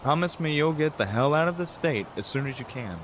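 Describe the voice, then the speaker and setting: A man's voice: fairly high pitch, animated, fairly quick, close to an everyday voice. A man voicing a fretful, scolding mother. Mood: pleading. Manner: exasperated, scolding. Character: worried middle-aged mother, blunt and protective. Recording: rain and thunder noise behind.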